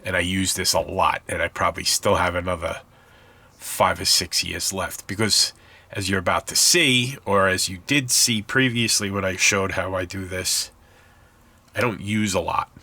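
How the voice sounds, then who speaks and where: A man's voice: sits low, steady tone, moderate pace, bright, forceful tone. Congested, chatty man building models. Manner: rambling, self-correcting, chatty. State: stuffed up, congested. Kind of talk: casual hobby tutorial.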